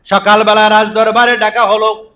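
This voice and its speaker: A man's voice: sits high, level tone, normal speed, bright, forceful tone, reverberant. A man preaching a Friday sermon, telling a story with a dramatic, chanting delivery.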